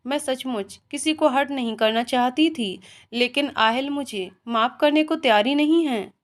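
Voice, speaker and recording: Woman voicing a feisty, pouty young bride. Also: high voice. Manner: pouty, teasing.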